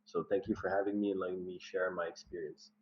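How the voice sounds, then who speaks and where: A man who is a cultivation director, introducing himself in a friendly, slightly halting way on a panel. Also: low voice, flat delivery. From Canada. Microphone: video call. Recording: dull lo-fi audio.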